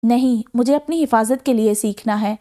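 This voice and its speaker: A woman voicing a frightened young wife from a novel, quiet and guarded. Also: on the high side, natural voice. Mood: quiet, tearful.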